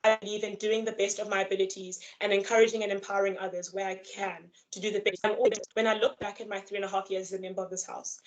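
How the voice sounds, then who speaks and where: A young woman on a video call, reading her prepared campaign speech in an earnest, formal way. Her pitch sits mid-range for a woman, and her pace is steady and measured. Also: poor audio. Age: young adult. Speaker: student election candidate.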